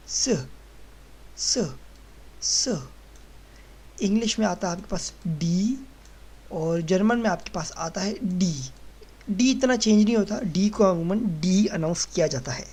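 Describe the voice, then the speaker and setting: A man with a high, husky voice teaches German pronunciation slowly, walking through the alphabet. He patiently explains each letter, repeating every sound several times as he writes on a board.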